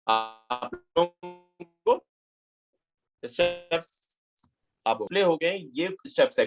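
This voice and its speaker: A man, teaching a math lesson step by step, mixing in English terms and checking "clear?" with his students. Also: fairly high pitch, a bit bright. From Pakistan. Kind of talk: classroom lecture.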